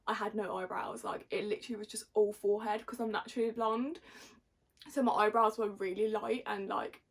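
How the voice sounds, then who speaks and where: A woman's voice: medium pitch, fairly even intonation, a little fast. A young Englishwoman chatting casually to camera in a giggly, tipsy, rambling and slangy way. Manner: rambling, slangy, self-mocking. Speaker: vlogger.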